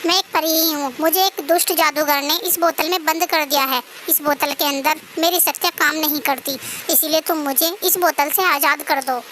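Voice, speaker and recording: A woman's voice: high voice, steady tone, moderate pace, few pauses, pushed and bright, slight background noise. A woman voicing a kind female fairy trapped in a bottle in a cartoon story, pleading for help and then gracious. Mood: urgent. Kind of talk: cartoon voice acting.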